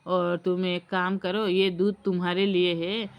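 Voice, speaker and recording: A woman's voice: on the low side, level tone, unhurried, clean tone. Brief: woman doing a fake-sweet storybook stepmother, coaxing tone. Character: scheming stepmother faking sweetness.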